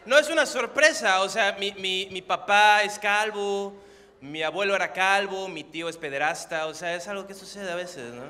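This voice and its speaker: A young man from Acapulco doing stand-up on a theater stage with a dry, deadpan, self-deprecating delivery. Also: high-pitched, normal speed, in a large hall, slight background noise. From Acapulco, Mexico. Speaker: stand-up comedian. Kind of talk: stand-up comedy. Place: theater stage before a live audience.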